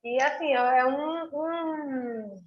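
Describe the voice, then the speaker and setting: A woman's voice: sits high, extremely slow. A woman from Pernambuco, Brazil, a guest artist telling an emotional story in a live-stream chat, with frequent tag questions. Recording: dull lo-fi stream audio.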